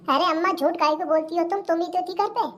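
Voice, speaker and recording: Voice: very high voice, fairly even intonation, quick pace, a bit bright. A voice actor playing a young daughter-in-law who talks in a coaxing, insistent way in a comedy cartoon, with a rural Hindi accent. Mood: accusing. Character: sly, sweet-talking young daughter-in-law.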